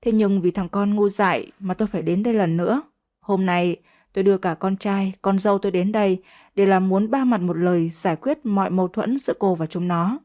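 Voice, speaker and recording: A woman's voice: mid-range voice, brisk, warm tone, lightly acted. A stern older mother-in-law who scolds with cold contempt, as a woman narrator reads her. The storybook voice stays close to an everyday female voice. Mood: scornful scolding.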